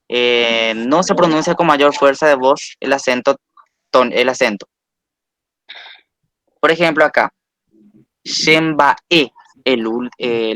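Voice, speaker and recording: A man's voice: medium pitch, a bit bright, no room sound. A man teaching a recorded language lesson, patiently spelling out sounds and repeating example words.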